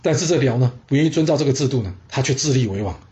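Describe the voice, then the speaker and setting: Man playing a calm ambitious prince, measured persuasion, slightly dull storybook audio. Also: medium pitch, close to an everyday voice. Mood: persuasive.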